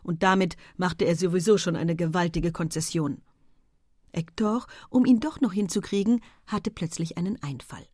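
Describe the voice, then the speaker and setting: A woman narrating a literary audiobook in a soft, hushed manner. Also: fairly low pitch, normal speed, husky, no echo, studio quality.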